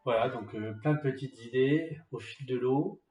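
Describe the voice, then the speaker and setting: Hosting a casual DIY channel, this man walks through a hands-on tutorial at a moderate pace, his medium-pitched voice a little mellow. His delivery is improvised and halting, full of self-corrections. Soft music plays underneath, and the audio carries room echo, clicks, and noticeable background noise.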